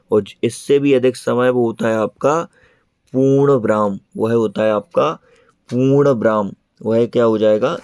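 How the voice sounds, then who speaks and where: A man's voice: mid-range voice, no echo. Man teaching an exam prep class. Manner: repeats answers, steady explaining. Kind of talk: online lesson.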